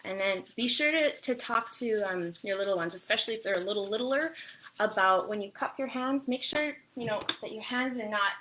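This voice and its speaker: A young adult woman giving casual parenting advice in a chatty, gentle way, with many fillers and restarts. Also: medium pitch, a little fast, noisy background. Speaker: parenting and wellness vlogger.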